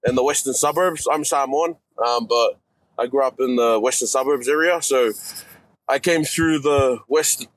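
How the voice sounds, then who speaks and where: A man's voice: medium pitch, normal speed, dry recording, low-quality recording. A man from Australia, answering interview questions easily with a few hesitations. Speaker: guest.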